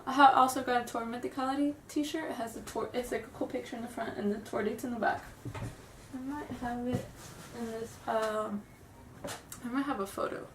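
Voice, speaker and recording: With vocal fry in her high-leaning voice, a young woman stuffed up from a cold nervously rambles, apologizes, and giggles through a casual vlog. The audio is roomy and distant, from a home camera in a room at home, with slight background noise.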